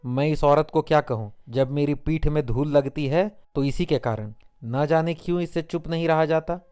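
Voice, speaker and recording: A stern older village farmer orders quiet in a raised, loud, clipped voice, pitched above the reader's own, as a male narrator puts him on. Firm and commanding, in a storybook reading. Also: normal speed, clean tone, lightly acted.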